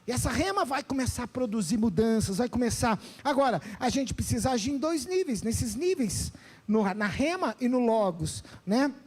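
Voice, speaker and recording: Male pastor, Brazilian accent, very high voice, lively sermon delivery that calls out to the audience. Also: normal speed, husky. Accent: Brazilian Portuguese. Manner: animated preaching, calls out to the congregation.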